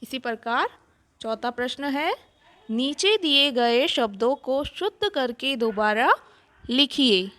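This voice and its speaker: Slow, patient woman teacher. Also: on the high side, a bit bright. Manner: slow, patient explaining of answers. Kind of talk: worksheet walkthrough lesson.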